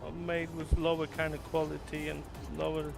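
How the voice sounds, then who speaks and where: A fairly high-voiced man from Canada, with Polish as his first language, doing easygoing live commentary while he plays, with loud music playing behind him. His tone stays quite level as he chats and calls his viewers "mate". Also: monotone, normal speed, gravelly. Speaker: live streamer. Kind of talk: casual live gameplay commentary.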